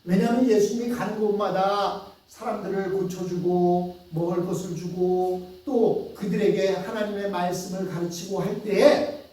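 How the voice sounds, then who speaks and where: A man's voice: sits high, flat delivery, moderate pace, warm tone. A male pastor with a Chungcheong Korean accent preaching a Sunday sermon in storytelling style, asking the congregation questions. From Chungcheong, South Korea. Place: church sanctuary. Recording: echoey church hall from far off.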